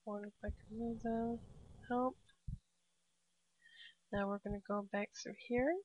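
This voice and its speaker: A woman casually narrating a game walkthrough step by step, relaxed and prone to laughing. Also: a little high, a little slow. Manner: relaxed, laughs often, cheers at a blast. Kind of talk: casual gameplay commentary. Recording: dry, slightly dull lo-fi.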